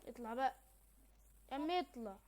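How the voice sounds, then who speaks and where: Excitable high-voiced Egyptian woman gamer. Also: fairly quick. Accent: Egyptian Arabic. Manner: excitable, bursts into loud exclamations. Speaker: gaming channel host. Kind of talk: let's-play game commentary. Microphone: desktop microphone.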